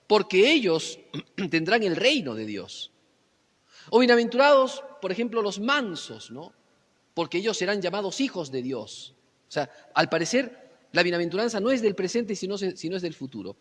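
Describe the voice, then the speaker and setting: A man preaching a sermon, teaching and often asking his listeners rhetorical questions, swinging between loud emphatic lines and quiet low ones. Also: very animated, normal speed, slightly rough. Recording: long hall reverb.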